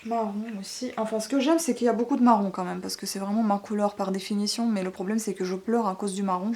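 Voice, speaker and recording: A woman's voice: medium pitch, a little mellow. Chatty woman unboxing beauty products. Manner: chatty, frequent fillers and tag questions. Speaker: beauty vlogger. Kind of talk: casual unboxing chat. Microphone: camera microphone.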